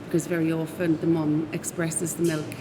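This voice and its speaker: Woman, Irish accent, very low pitch, flat intonation, casual explaining, noticeable background noise. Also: moderate pace. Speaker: knitting group activist.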